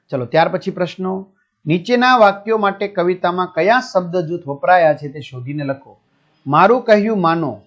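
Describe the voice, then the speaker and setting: A male teacher reads a school lesson aloud and explains the answers step by step to his students. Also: a little high. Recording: dull lo-fi recording.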